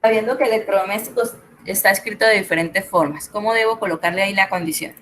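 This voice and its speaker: A woman's voice: mid-range voice, fast, fairly bright tone, slight background noise, rough recording. A middle-aged woman, tutoring an online spreadsheet class, explaining step by step and checking in with her students. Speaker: Excel tutor.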